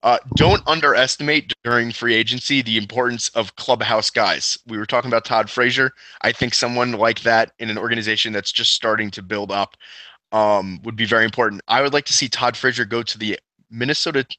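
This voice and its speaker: A man's voice: mid-range voice, fairly even intonation, a little fast, bright, forceful tone, no room sound, poor audio. A man co-hosting a casual sports podcast, laid-back and slangy. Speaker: podcast co-host.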